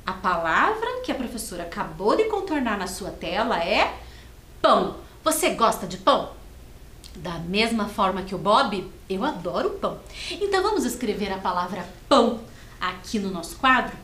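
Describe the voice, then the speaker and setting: A woman teacher leading a televised first-grade lesson, reading slowly and sounding out words syllable by syllable in a sing-song way. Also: mid-range voice, fairly bright tone, a little hiss or hum. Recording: echoey studio with faint ambience.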